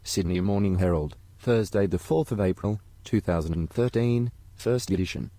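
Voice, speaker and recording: A male text-to-speech voice from a talking device, reading text in an even, machine-like way. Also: on the low side, moderate pace, no room sound. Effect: synthetic text-to-speech voice.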